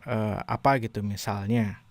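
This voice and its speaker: A man from Indonesia teaching English in a casual video lesson, chatting with many fillers and reading lines slowly before translating them. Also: on the low side, fairly even intonation, darkish tone, a little hiss or hum.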